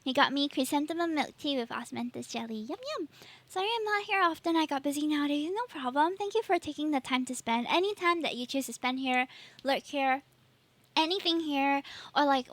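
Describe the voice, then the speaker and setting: Chatty high-voiced Singaporean woman streamer. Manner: chatty and rambling, laughs often. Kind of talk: casual live-stream chat.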